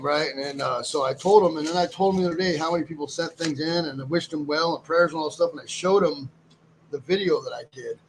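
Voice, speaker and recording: A man with a voice on the high side hosts a live stream for a silver auction, casually rambling as he greets viewers and goes through items. The low-quality recording has a little hiss or hum.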